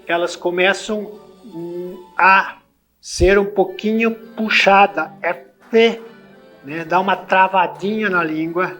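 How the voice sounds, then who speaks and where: Man, Brazilian Portuguese accent, language teacher, very slow, spells out letters, faint background music. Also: high voice, steady tone, bright, forceful tone. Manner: spells out letters and sounds, many tag questions. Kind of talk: slow spoken language lesson.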